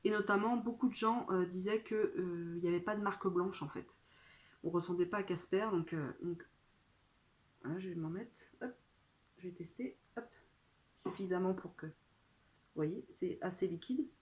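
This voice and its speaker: A woman's voice: fairly low pitch, normal speed, long pauses. A woman chatting casually to her phone during an unboxing, talking in a hesitant way full of fillers. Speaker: vlogger. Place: at home.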